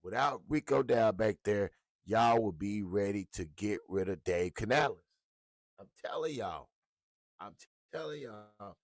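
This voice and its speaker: A man's voice: on the low side, animated, a little slow, dry recording. A man giving a blunt, profane, heated rant as a sports commentator. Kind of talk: ranting sports talk.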